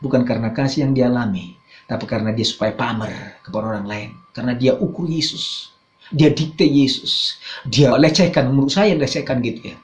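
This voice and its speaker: A man preaching a sermon as pastor, swinging between raised emphatic phrases and low quiet asides. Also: a little fast. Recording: dull roomy church recording.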